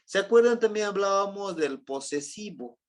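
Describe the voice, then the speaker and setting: A man's voice: high-pitched, animated, normal speed. A man teaching a language class in Spanish with a Mexican accent, patiently repeating words and checking that the students remember. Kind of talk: classroom lesson.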